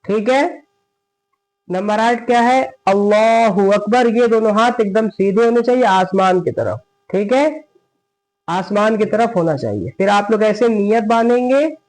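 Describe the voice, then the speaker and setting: A man teaching a step-by-step prayer lesson, asking and answering his own questions and reciting prayer phrases slowly. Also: sits high, animated, a little mellow, rough recording. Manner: asks and answers his own questions, frequent "theek hai" checks. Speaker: religious teacher.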